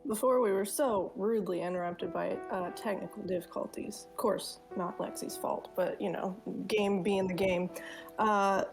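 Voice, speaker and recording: A woman co-hosting a livestream, joking around in a slow, drawn-out way. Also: mid-range voice, steady tone, over music. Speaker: co-host, streamer. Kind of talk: casual livestream chat.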